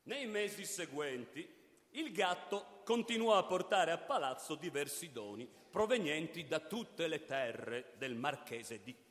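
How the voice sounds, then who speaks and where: A man narrating a fairy tale in an expressive storytelling manner. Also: fairly high pitch. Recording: long hall reverb.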